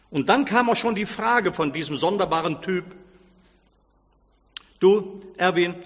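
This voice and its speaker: Animated man telling a sermon story. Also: high voice, in a large hall. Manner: animated storyteller acting out quoted lines.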